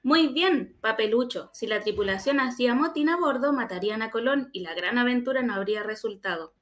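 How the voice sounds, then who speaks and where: A woman's voice: a little high, expressive, brisk, natural voice. A woman reading as a patient schoolteacher. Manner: gently corrective, questioning. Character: patient female schoolteacher quizzing a boy. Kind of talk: storybook reading.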